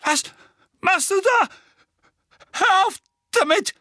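A terrified teenage bully whimpers and shrieks in a strained high pitch. The voice is bright and husky. He swings wildly up and down in a panicky whine. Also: expressive, slow, dry recording, clean studio sound, full character voice. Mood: panicked. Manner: shrill, panicky, whining.

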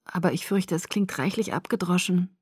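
A woman voicing a feverish young man who speaks quietly and sincerely, in a storybook reading. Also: on the low side, normal speed, husky, no echo, studio quality. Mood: earnest.

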